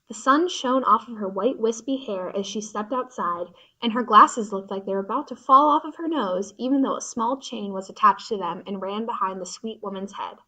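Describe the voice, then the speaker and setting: A woman narrating a storybook in an expressive, descriptive reading. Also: medium pitch, moderate pace, hardly any pauses.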